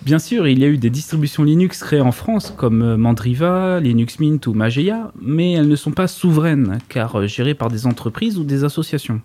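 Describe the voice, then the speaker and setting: A man's voice: on the high side, animated, moderate pace, few pauses, mellow. A man on a radio talk show reading a prepared segment with dry ironic humor, joining in the chat between passages.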